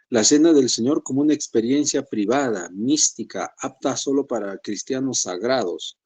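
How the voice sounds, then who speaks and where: A man teaching a church session, speaking conversationally and addressing the congregation as brothers. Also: warm tone. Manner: acts out believers' excuses in a higher voice. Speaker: pastor.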